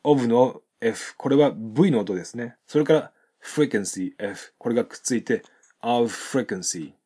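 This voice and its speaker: A man who speaks Japanese as his first language teaches English pronunciation in Japanese, calmly and step by step, and slows down for his model phrases. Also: medium pitch, husky. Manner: calm, methodical, with slowed model phrases.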